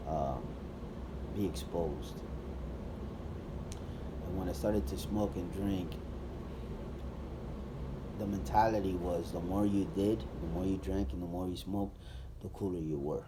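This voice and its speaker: A man's voice: low-pitched, a little slow, long pauses, background noise. A man giving a personal testimony in a casual, conversational way, with plenty of fillers and restarts.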